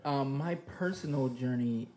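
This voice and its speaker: A man in his thirties, a rapper and poet, talking through his music background in a relaxed, reflective way with frequent fillers and restarts. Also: mid-range voice, measured pace. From United States. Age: 30s. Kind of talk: casual interview chat.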